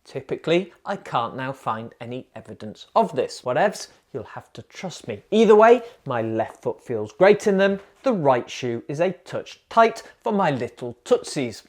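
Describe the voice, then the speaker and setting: A man reads a scripted cycling review with deadpan, self-mocking humour. His pitch swings up and down a lot, so the jokes land with plenty of lift. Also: moderate pace, few pauses. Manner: dry self-mocking wordplay. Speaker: cycling vlogger. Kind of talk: scripted comic review narration.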